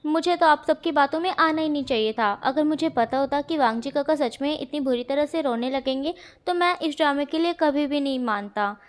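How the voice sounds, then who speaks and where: A man's voice: extremely high pitch, a little fast. A woman voicing a sweet, playful young man who pouts and chides in a storybook reading. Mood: scolding. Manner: pouty, chiding.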